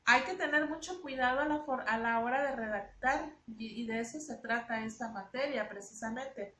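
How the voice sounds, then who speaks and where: A woman's voice: fairly high pitch, moderate pace, pushed and bright, reverberant, a little hiss or hum. A woman teaching a grammar lesson, explaining patiently and repeating words as she goes.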